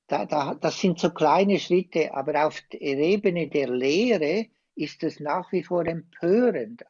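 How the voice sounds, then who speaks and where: A man, a former priest speaking as a guest, slow and hesitant but impassioned. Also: on the high side, a little mellow, no echo, muffled recording. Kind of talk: conversational interview.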